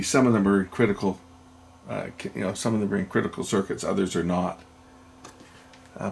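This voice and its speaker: An electronics repairer who hosts videos talks through a job at his indoor workbench, thinking aloud in a plain, unscripted way as his hands stay busy. He has a deep, gravelly voice, and a faint hiss or hum sits under the audio.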